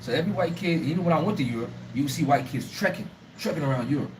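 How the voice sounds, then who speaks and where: A young man from the United States, born in Brooklyn to Liberian parents, speaks with a New York accent in a fairly high pitch and very fast. As a travel show creator appearing as a guest in a casual interview, he is animated and emphatic, laughs often, and repeats words to drive home his points. The mic is distant, with faint ambient noise.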